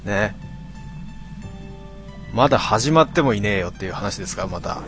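A man hosting a casual late-night stream, reading out listener comments with grumbling asides and frequent throat clearing. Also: lowish voice, animated, normal speed, a bit bright, soft background music. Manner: grumbling, talks to himself, mock-annoyed asides.

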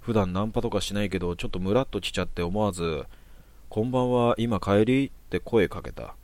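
Male storyteller, calm and matter-of-fact, low voice, dry close recording. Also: fast talker, dry recording. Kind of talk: narrated horror story.

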